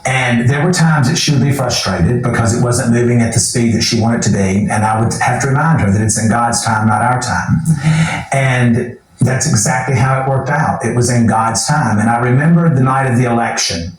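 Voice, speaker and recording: A man's voice: mid-range voice, normal speed, very echoey, recorded from a distance, soft background music, low-quality recording. A middle-aged man telling his story as an interview guest, in a folksy, earnest way.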